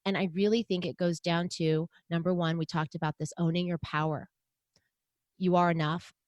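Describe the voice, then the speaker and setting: Low-pitched motivational American woman. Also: normal speed, no room sound, highs cut off. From United States. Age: middle-aged. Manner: earnest, motivational, animated when quoting others. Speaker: podcast host and guest. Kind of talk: interview conversation.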